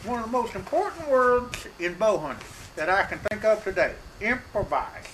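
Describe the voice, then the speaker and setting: High-voiced deadpan folksy hunting man. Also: moderate pace, low-quality recording. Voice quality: slightly hoarse. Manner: folksy rural drawl, rambling, deadpan. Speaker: comedic hunting show host. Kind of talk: deadpan comedy monologue. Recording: outdoor wind and noise on mic.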